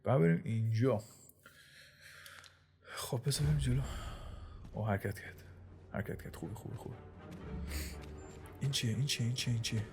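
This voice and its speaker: Excitable gravelly man doing game commentary. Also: medium pitch, pauses often. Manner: chatty and excitable, drops to whispers while sneaking. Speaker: gaming channel host. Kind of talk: casual gameplay commentary. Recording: game music playing behind the voice.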